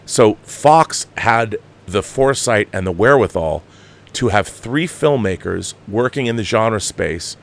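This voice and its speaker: An American man in his fifties hosts a show and gives emphatic, impassioned film commentary on the fly, halting and digressing as he goes. His low-side voice is animated and has vocal fry.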